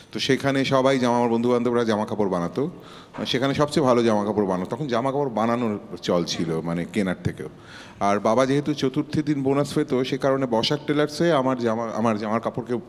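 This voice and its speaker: Male singer, musing and melancholy, mid pitch, long reverb tail. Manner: wistful, musing, self-deprecating. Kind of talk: reflective casual chat.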